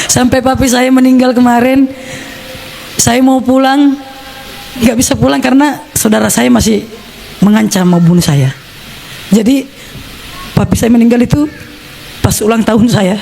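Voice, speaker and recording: A man's voice: sits high, gravelly, darkish tone, slight background noise. A man from South Sulawesi giving a personal testimony to a church congregation, telling his story vividly with frequent laughs. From South Sulawesi, Indonesia. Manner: storytelling, acts out quotes, laughs often.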